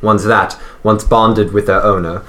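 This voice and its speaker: An actor playing a cold, scheming inventor uncle who speaks in a deliberate, menacing way. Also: male voice, fairly low pitch, steady tone, bright, forceful tone. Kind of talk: audio drama acting.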